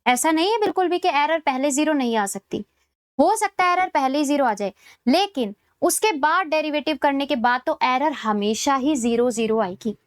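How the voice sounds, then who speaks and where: High-voiced woman teaching maths, slow and patient. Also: expressive, no echo, clean studio sound. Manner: explains step by step, checking in with "है ना?" and "ठीक है?"; slows right down to dictate formulas. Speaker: maths lecturer. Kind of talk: exam-prep lecture.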